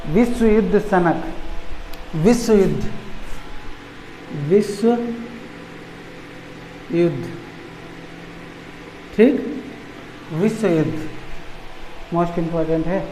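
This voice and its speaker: धीमे-धीमे शब्द दोहराता हुआ शिक्षक, गूंजता कमरा. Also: male voice, high voice, dark tone. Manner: slow, repeats each word for note-taking. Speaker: teacher. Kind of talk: dictating exam vocabulary lesson. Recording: echoey room, faint background noise.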